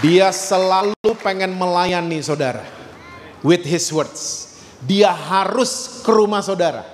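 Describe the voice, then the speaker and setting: A middle-aged man preaching a sermon as a pastor, telling stories with animated acted-out quotes and mixing in English words. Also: high voice, slow, long reverb tail, a faint crowd, slight background noise. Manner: animated storytelling, acting out quotes.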